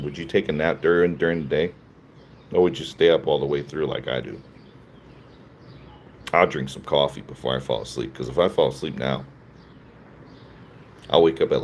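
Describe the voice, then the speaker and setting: A sleepy, yawning man with a bass voice hosts a live stream, reading the chat and answering it. He riffs in a loose, joking way and laughs often between jokes. There's slight background noise.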